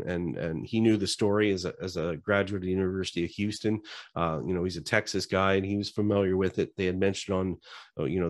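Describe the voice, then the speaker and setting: A man's voice: low-pitched, no echo, studio quality. A man co-hosting a podcast, talking in a rambling, emotional way with many fillers. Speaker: podcast co-host. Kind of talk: casual podcast chat.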